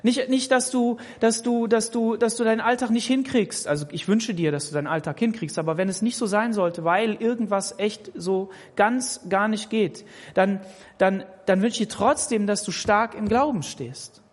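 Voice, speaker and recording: Echoing with long reverb in a big church hall, an emphatic preacher speaks at a moderate pace in a middle-range pitch. His sermon addresses every listener directly, using repetition to press his point.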